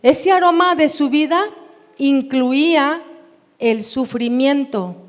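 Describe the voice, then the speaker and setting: A woman with a Mexican Spanish accent teaching a Bible class in a church, unhurried and often asking her listeners questions. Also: sits high. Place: church hall. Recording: long hall reverb.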